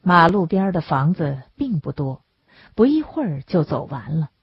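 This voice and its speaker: Husky lady reading an audiobook, lively up and down voice, dull dry lo-fi sound. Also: no room sound. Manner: measured storytelling, lively pitch. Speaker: narrator. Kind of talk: audiobook narration.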